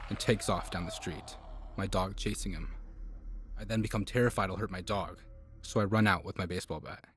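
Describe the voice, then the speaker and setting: A man reading a first-person horror story aloud as scripted narration, in an even, measured way. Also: low-pitched, no echo.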